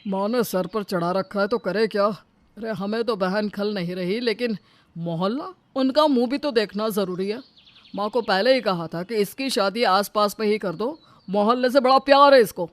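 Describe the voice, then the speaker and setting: A woman's voice: medium pitch, moderate pace, dry recording, natural voice. A woman voicing a weary young husband who grumbles dismissively. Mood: grumbling.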